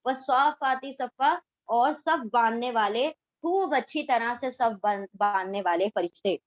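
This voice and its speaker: A woman with a fairly high voice teaches a word-by-word Quran translation, reciting verses slowly before explaining them in everyday speech mixed with English words. The audio is dull, with no room sound.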